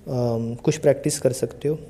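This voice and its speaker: A man's voice: mid-range voice, steady tone, moderate pace, warm tone. A young man coaching IELTS speaking in a casual tutorial, chatty and full of rhetorical questions to the viewer. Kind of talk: casual Hindi tutorial monologue.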